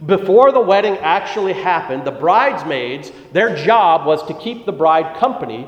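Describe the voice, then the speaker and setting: A pastor delivering a sermon, telling a joke story and then explaining scripture. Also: male voice, on the high side, very animated, moderate pace. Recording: echoey hall, dull lo-fi sound.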